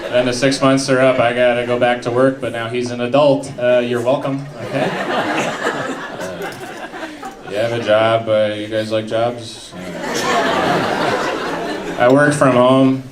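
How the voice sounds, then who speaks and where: Deadpan mumbling young comedian on stage. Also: male voice, mid-range voice, measured pace, long pauses. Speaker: stand-up comedian. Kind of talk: stand-up comedy set. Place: comedy club stage with a live audience. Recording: echoey room with background noise.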